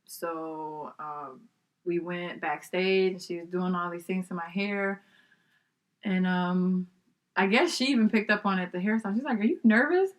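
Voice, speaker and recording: A woman's voice: lowish voice, steady tone, measured pace. A young adult woman, a podcast guest, telling a story in casual chat, acting out the voices of the people she quotes and laughing often.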